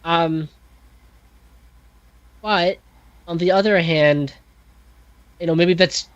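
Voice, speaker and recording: A man's voice: on the high side, steady tone, slow, fairly bright tone, clean tone, no room sound, highs cut off. A man talking casually and thoughtfully on a podcast, full of fillers, restarts and self-corrections. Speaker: podcast guest, composer. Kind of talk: casual discussion.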